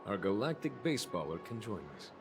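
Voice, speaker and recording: A composed general from an anime game. The voice is low, courteous and authoritative, with formal, measured phrasing over clear background music. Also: male voice, big pitch swings.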